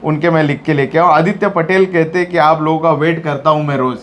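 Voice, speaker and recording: Guy hosting a gossip chat show, kinda high voice, mocking and chatty. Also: steady tone, fast talker, a little hiss or hum. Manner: mocking, chatty, reads out viewer comments. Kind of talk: casual chat.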